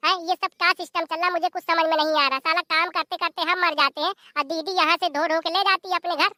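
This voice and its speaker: Cartoon young man, voiced by an actor, cheeky, complaining, high bright voice. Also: steady tone, fast, dry recording, clean studio sound, exaggerated voice.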